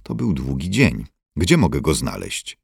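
A sharp-tongued, irritated young woman from an audiobook fantasy, as a male narrator puts her on, caustic and impatient in a low voice. The read is close and dry. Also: sing-song, measured pace, creaky, husky, dry recording, exaggerated voice.

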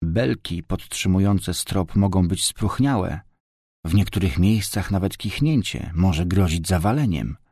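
Deep-voiced man doing a calm grandpa in a kids audiobook, slow careful explaining, dry sound. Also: slightly rough, dry recording, full character voice. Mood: cautious. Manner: patient, explaining.

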